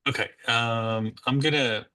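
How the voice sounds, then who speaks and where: A man's voice: mid-range voice, steady tone, pushed and bright, clean tone. Man on a choppy call, volume dipping. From USA. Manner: slow, hesitant with fillers. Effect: audio cutting out, uneven volume. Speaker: session moderator. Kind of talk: online webinar talk.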